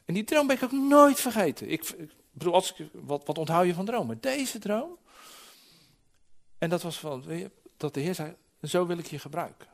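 A man in his forties preaching a sermon, telling stories lively and acting out voices, often restarting his words. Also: high voice, moderate pace, gravelly. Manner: lively storytelling with acted-out voices; frequent restarts and repeated words.

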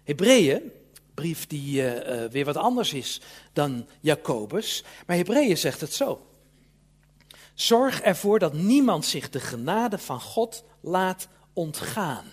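A man delivers a sermon with earnest emphasis and frequent small checks on his listeners. His voice sits fairly high and has a husky grain. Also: big pitch swings, slow. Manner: earnest, emphatic preaching with tag questions. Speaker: preacher.

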